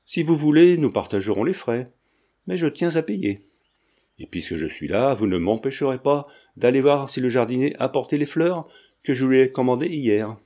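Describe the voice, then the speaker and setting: Chatty, meddling old landlady with a mellow low voice, read by a male narrator in a storybook reading. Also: lively intonation, normal speed. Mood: insistent. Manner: talkative, familiar, insistent.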